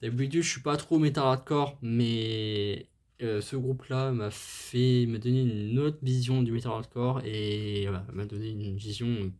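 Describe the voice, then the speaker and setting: A man's voice: mid-range voice, fairly even intonation, unhurried, a little mellow. A man hosting a music channel, presenting a band's history casually, hesitant and full of fillers, apologizing as he stumbles over foreign names, enthusiastic about the music. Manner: hesitant, many fillers and restarts.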